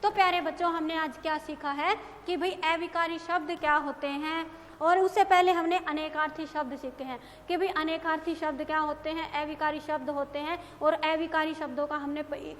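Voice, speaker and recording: A woman teacher walks young pupils through a grammar lesson, asking questions and supplying the answers herself. Her voice sits high. The classroom recording rings with long reverb over a faint hiss of noise. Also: steady tone, moderate pace, fairly bright tone. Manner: asks questions and answers them herself, says "bhai" often. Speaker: school teacher.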